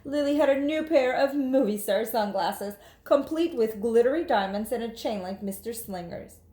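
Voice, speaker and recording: With a slightly high voice at a moderate pace, a woman teacher gives an expressive, emphatic storybook reading, addressing the children directly.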